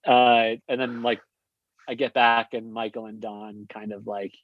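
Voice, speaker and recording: A man's voice: mid-range voice, unhurried, no echo. A man tells work stories on a podcast, rambling through fillers in an ordinary mid-range voice. The sound is dry and a bit dull, with no room around it. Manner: rambling, filler-heavy, animated anecdotes. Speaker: podcast guest, agency founder. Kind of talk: casual interview storytelling.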